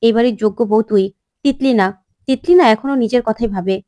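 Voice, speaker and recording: A woman's voice: on the high side, quick pace, dark tone, no echo, lightly acted. A woman voicing a caring mother who soothingly encourages her daughter in a retold drama story. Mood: reassuring. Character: caring mother, reassuring and firm.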